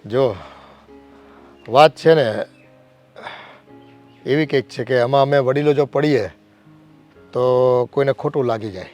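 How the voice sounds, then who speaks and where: A man plays an earnest elderly uncle who worries about quarrels tearing the family apart. He talks in a pleading, heartfelt way. Soft music plays under his voice. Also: medium pitch, takes it slowly, long pauses, lightly acted. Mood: worried.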